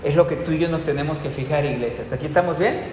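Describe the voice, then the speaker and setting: A man's voice: fairly high pitch, racing, a little mellow. A man preaching a sermon in a casual, conversational way, asking the congregation rhetorical questions. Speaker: pastor. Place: church. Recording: very echoey church hall, faint room noise.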